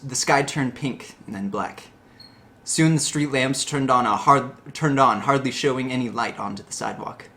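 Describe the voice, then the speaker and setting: A man's voice: medium pitch, fairly bright tone. A man giving a hammy, theatrical dramatic reading of a story, like a stage actor. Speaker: reader of a story.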